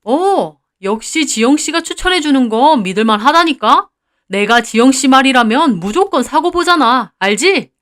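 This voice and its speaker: A chummy male regular client of a hair-loss care business, friendly and familiar as he places an order, voiced by a woman. The voice is fairly high and easygoing. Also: animated, normal speed, a bit bright. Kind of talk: read-aloud story dialogue.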